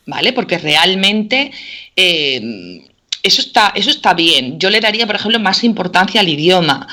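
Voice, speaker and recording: A woman's voice: on the low side, sing-song, moderate pace, bright, forceful tone. A middle-aged woman from Spain, a teacher chatting casually and filling her talk with "o sea" and "¿vale?". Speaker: teacher and guest. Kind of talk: casual chat.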